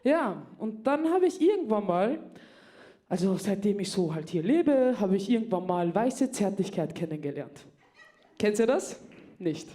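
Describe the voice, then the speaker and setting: A woman's voice: medium pitch, big pitch swings, measured pace, mellow. A woman, doing a stand-up comedy set in a club and confiding in the crowd. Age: 30s. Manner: chatty, confiding, addressing the crowd directly.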